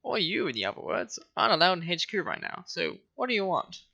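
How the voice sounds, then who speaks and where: A smug male police officer sneers and taunts in a raised, nasal-sounding snobbery, as a man puts him on. The voice is gravelly and sharp, pushed well above its usual pitch. It belongs to a game playthrough. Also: wildly swooping pitch, quick pace, full character voice. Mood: sneering.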